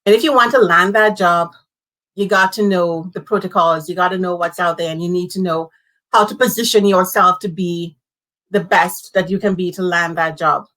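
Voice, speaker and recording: A woman hosts a live-streamed career talk, her voice bright and forceful. She talks in an animated, conversational way and leans on key words. She comes through as if on a video call. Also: on the low side, moderate pace, rough recording. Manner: animated, conversational, speaks with emphasis. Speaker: host.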